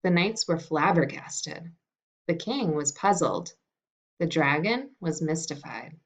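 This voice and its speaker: A woman's voice: sits low, expressive. Woman teacher reading a picture book aloud. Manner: friendly and unhurried, with some fillers. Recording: dull lo-fi recording.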